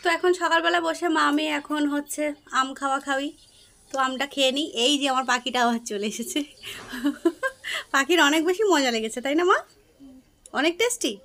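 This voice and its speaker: A young woman with a high voice talks casually at home, narrating her cooking in small steps. She keeps turning to coax her little daughter in a fond, chatty way. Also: brisk, pushed and bright. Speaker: vlogger and mother. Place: home kitchen.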